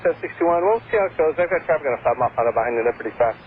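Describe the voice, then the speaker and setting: A man's voice: a little high, lively intonation, racing. A man working as an air traffic controller, giving clipped instructions over aviation radio. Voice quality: interrupted by hiccups. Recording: narrow, tinny radio channel with faint static.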